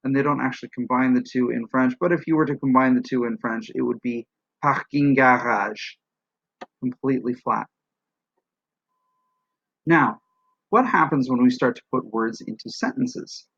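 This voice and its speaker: A man's voice: mid-range voice, moderate pace, creaky, a bit bright, slightly rough, dry recording, highs cut off. A man teaching French pronunciation in a recorded lesson, explaining patiently and sounding out words with rising and falling tone.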